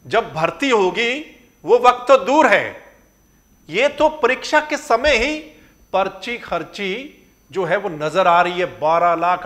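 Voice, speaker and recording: High, bright-voiced male news presenter. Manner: questioning, emphatic, rhetorical. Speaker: news reporter presenting a report. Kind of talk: spoken news commentary.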